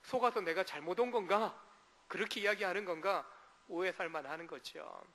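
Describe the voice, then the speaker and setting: A man's voice: sits high, normal speed, pushed and bright, in a large hall. A male pastor delivering a sermon, asking the congregation rhetorical questions and briefly acting out dialect quotes. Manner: acts out short dialect quotes. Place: church sanctuary.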